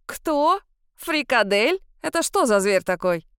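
A woman's voice: a little high, very animated, slow pace, fairly bright tone, smooth, no echo, studio quality, heavily acted. Woman voicing a cocky teasing young man. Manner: playful, boastful banter.

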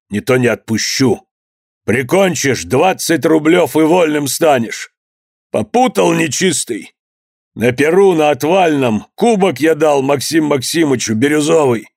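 A man voicing a condemned male convict who confesses before a crowd, slow and declaiming. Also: a little high, vocal fry, no echo, clean studio sound.

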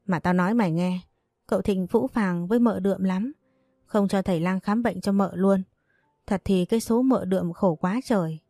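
A woman voicing a sharp-tongued older female servant who scolds fast and complains glumly. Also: mid-range voice, dry recording, studio quality, lightly acted.

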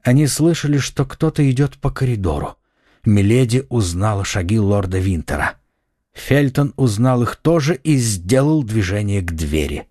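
A man narrating an adventure audiobook in a scripted, expressive, dramatic way. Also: lowish voice, normal speed, no echo, clean studio sound.

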